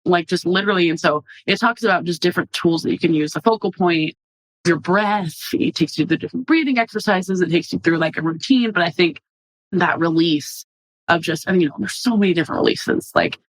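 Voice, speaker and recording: A young adult woman, a softball player guest in a casual podcast interview, telling stories animatedly and acting out quotes. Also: lowish voice, brisk, dry recording, poor audio.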